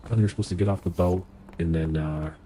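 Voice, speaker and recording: This is live commentary on a game playthrough from a young man who is sick and sounds nasal, chatty and thinking aloud as he plays. His low-pitched voice is steady, quick and mellow, with a little hiss or hum in the audio.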